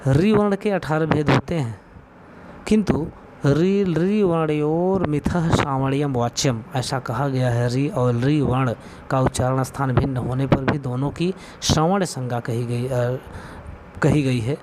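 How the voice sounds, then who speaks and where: A man's voice: medium pitch, a little slow. A man giving a spoken video lesson on Sanskrit, explaining patiently step by step and counting aloud. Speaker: Sanskrit teacher. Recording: clear background noise with clicks.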